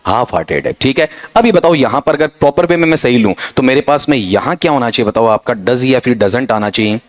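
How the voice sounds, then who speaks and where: A middle-aged man, teaching an exam-prep English grammar lesson. He keeps firing rhetorical questions at his students and reads the example sentences slowly and deliberately. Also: medium pitch, expressive.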